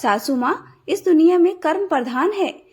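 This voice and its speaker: Brief: a woman as a haughty young wife in a devotional storybook, scornful, high voice. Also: animated, moderate pace, darkish tone. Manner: dismissive, scornful. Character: proud modern young daughter-in-law, scornful skeptic.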